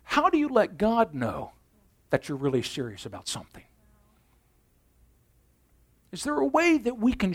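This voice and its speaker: A man in his fifties preaching a sermon in a conversational way, moving between loud emphasis and quiet intensity. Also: sits high. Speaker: pastor.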